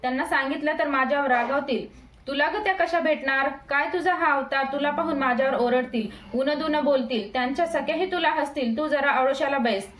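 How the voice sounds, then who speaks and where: A woman's voice: high-pitched, brisk, a bit bright, slight background noise. A woman voicing a timid, dutiful palace maid in a folk tale, in an echoey room. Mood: worried.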